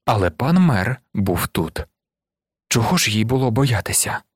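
Male narrator for a dramatic classic; measured and expressive, dry booth sound. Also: lowish voice, slightly rough, no echo. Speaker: audiobook narrator.

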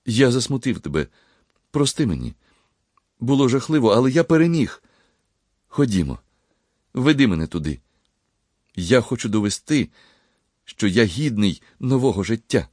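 A man's voice: mid-range voice, big pitch swings, normal speed, long pauses, a little mellow, no echo, studio quality, pitched above the performer's own voice. A man voicing a proud, bitter young man who speaks in agitated, rising outbursts. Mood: relieved.

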